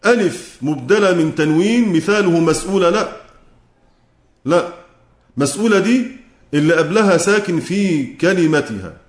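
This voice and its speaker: A man with an Egyptian Arabic accent teaching the rules of Quran recitation, asking questions and answering them himself, chanting the quoted verses slowly. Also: high voice, expressive, roomy sound.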